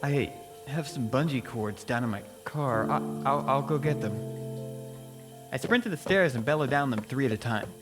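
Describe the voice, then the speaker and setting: Guy reading a scary story in first person, dramatic pauses, medium pitch, music behind him. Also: animated. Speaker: horror story narrator.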